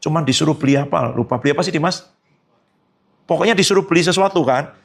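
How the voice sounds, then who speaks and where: A male pastor preaching a sermon at a church service, lively and colloquial, often jumping high in pitch and acting out quotes. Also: quick pace, creaky, slightly rough. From Indonesia. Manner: colloquial, frequent tag phrases.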